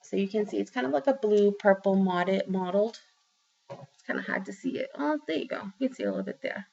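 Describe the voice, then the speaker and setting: In a mid-range, gravelly, slightly mellow voice, this woman is very animated and talks fairly quickly. She's a Boston-accented craft vlogger in her forties from the Boston area, Massachusetts, casually rambling to camera about her craft haul with many ums and restarts. Recorded indoors in a small home room on a close webcam, the audio sounds dull and lo-fi.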